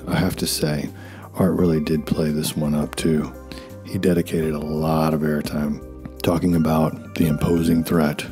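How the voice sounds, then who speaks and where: Male narrator, forties, extremely low register, dry self-deprecating documentary read over faint music. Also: a little mellow. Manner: wry, self-deprecating asides. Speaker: YouTube narrator.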